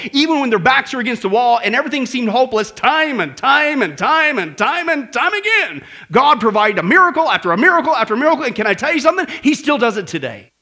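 A man preaching a sermon as pastor in a church, lively and conversational, acting out voices and asking the congregation questions. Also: very high voice. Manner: animated, acts out grumbling voices and asks the audience questions.

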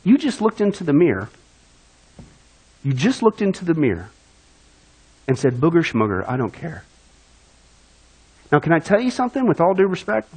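A male pastor preaching a sermon in a folksy, animated way, acting out little asides to the congregation. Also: high-pitched, a little fast, pauses often, husky, poor audio.

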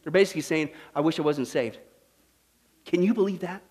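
A man preaching a sermon as pastor, animated and full of rhetorical questions that he keeps checking with "okay?". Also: a little high, brisk.

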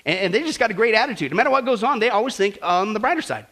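A male pastor delivering a sermon, lively and animated as he tells jokes and anecdotes. His voice sits high and bright, swooping widely before dropping low and quiet to press a point home. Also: very fast.

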